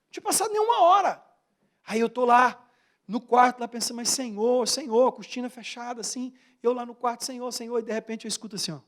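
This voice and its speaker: A Brazilian-accented bishop preaches a sermon in a strikingly high-pitched man's voice. He presses his points home with rhythmic repetition and speaks straight to the congregation, often calling them brothers. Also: animated, fast talker, a bit bright. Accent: Brazilian Portuguese. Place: church.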